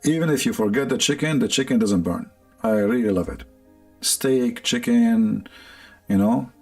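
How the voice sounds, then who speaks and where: A man's voice: medium pitch, very animated, moderate pace, creaky, darkish tone, faint music behind. A man with an Arabic accent, a livestream host rambling in a sarcastic, joking way and laughing often. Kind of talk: casual joking monologue.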